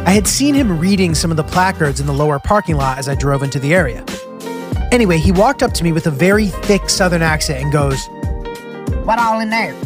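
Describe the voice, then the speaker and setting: An American man narrating a travel diary for his podcast in a casual, filler-heavy way, often saying "like". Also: fairly high pitch. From United States. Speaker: podcast host. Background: music.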